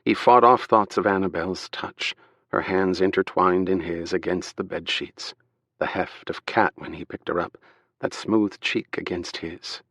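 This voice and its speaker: A man reading a thriller audiobook aloud in measured, steady scripted narration. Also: low voice, no echo, clean studio sound.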